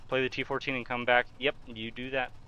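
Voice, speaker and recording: A young man livestreams a game, chatting casually, reading chat questions aloud and answering them as he narrates his play. His medium-pitched voice is level, brisk, sharp yet smooth, heard through lo-fi sound.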